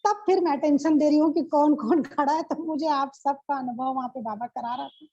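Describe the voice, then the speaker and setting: A woman with a very high voice recounts a spiritual experience as a personal testimony. She tells it in an animated, emotive way. The sound is muffled and lo-fi. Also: normal speed. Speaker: member sharing a spiritual experience. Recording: muffled lo-fi recording.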